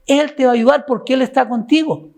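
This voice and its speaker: A woman's voice: high-pitched, a little fast, vocal fry, a little mellow. A woman leading a church group online, exhorting viewers and asking them pointed questions. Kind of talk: preaching to an online audience.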